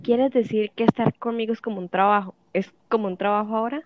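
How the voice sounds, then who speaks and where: A woman's voice: mid-range voice, fairly even intonation, fast, lo-fi sound, slight background noise, lightly acted. A woman voicing a jealous, bitter wife of fifty who keeps accusing and questioning her husband. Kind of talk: audiobook dialogue reading.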